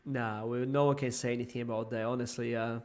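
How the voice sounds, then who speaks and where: A man, a guest coach in a casual sports chat, speaking English as a with thoughtful, halting phrasing. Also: medium pitch, flat delivery, darkish tone. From Brazil. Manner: thoughtful, hesitant, repeats words while searching for them.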